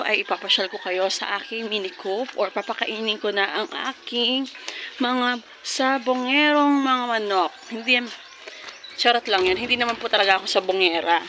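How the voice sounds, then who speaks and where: A woman vlogging playfully in her backyard, mixing English and Tagalog and calling to her chickens in high clucking cries. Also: background noise. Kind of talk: casual vlog. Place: backyard chicken coop, outdoors. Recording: outdoors with roosters and clucking hens.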